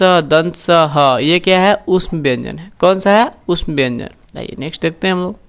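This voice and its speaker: A woman's voice: lowish voice, clean tone. Woman teacher asking and answering herself. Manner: asks a question, then answers it herself; repeats key terms slowly for pupils. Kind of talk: Hindi grammar lesson. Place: recorded for an online class.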